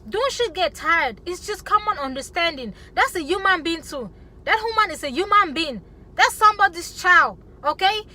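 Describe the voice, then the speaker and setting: Passionate high-voiced woman vlogger. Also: animated, normal speed, pushed and bright. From Africa. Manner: passionate, emphatic, keeps adding "okay?". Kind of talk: opinionated talk to camera.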